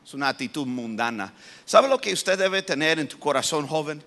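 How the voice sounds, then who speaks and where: A high-pitched, bright male preacher. He moves between Spanish and English mid-sentence, lecturing young listeners and building to loud, forceful shouts. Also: lively intonation, normal speed. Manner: switches between Spanish and English, shouts for emphasis, mimics voices. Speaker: pastor. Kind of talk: sermon.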